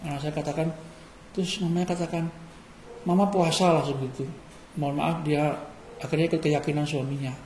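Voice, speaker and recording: A man's voice: a little high, steady tone, fairly quick, long pauses, darkish tone. A man giving an earnest, emotional personal testimony as an interview guest, quoting prayers and conversations aloud. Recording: echoey room with faint ambient noise.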